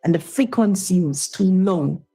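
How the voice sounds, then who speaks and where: A woman's voice: fairly low pitch, expressive, unhurried, dark tone, husky, dry recording, soft background music, poor audio. A woman in her sixties from Guyana, telling her story as an interview guest and minister, earnest and explanatory. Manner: earnest, explanatory, checks in with the listener.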